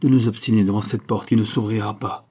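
A man voicing a loyal, grieving Breton servant who speaks gravely, in an audiobook reading. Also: fairly low pitch, fairly even intonation, fast talker, warm tone.

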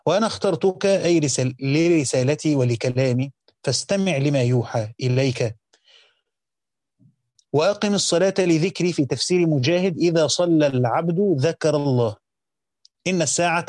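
A man's voice: fairly high pitch, a little mellow, no room sound, studio quality. A man with an Egyptian accent reads a classical Quran commentary aloud and explains it, moving between careful formal reading and casual colloquial asides. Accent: Egyptian Arabic.

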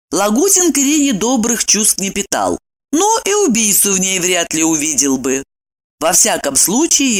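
Woman narrating an audiobook. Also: lowish voice. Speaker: audiobook reader. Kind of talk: scripted narration.

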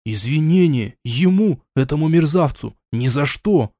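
A man's voice: mid-range voice, a little slow, darkish tone, no echo, studio quality, lightly acted. A man voicing a stubborn young knight in love, who talks sullenly and stammers when pressed. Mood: indignant.

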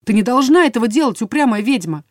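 A man's voice: very high-pitched, animated, fast, no room sound. A woman voicing a stern, domineering male king who barks commands and scolds, in a dry, close recording. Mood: harsh.

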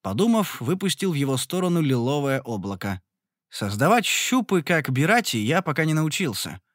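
A man narrating a fantasy audiobook in the first person with a lively, expressive reading. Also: fairly high pitch, moderate pace, no echo, studio quality.

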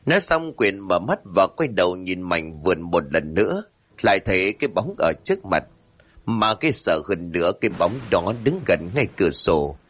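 Male horror narrator, suspenseful and measured, low and husky. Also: fairly bright tone. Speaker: storyteller.

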